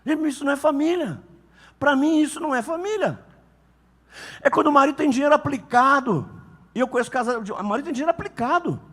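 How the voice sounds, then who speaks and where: A man preaching a sermon as a pastor, telling animated stories and acting out couples' quarrels. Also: very high voice, fast talker, in a large hall.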